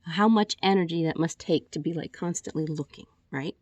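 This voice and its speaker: Woman, candid rambling video message; slightly out of breath, lower voice, dry and close. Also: normal speed, darkish tone, no room sound, dull audio. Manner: rambling, candid, with frequent restarts and fillers. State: a little out of breath. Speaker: vlogger.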